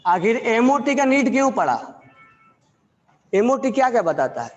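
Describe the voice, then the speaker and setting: A man teaching chemistry to a class, dictating notes slowly, repeating phrases and quizzing students as he goes. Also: very high voice, sing-song, big-room sound, dull audio.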